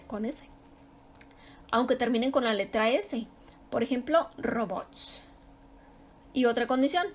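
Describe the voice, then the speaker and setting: A woman teaching a grammar lesson, explaining slowly and repeating example words with strong stress. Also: a little high.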